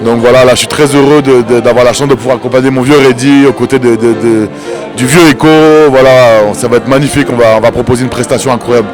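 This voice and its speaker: A middle-aged man from Paris, a drummer, answering interview questions in a warm, easygoing way. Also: mid-range voice, steady tone, fast. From Paris, of Cuban descent. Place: busy train station. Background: music.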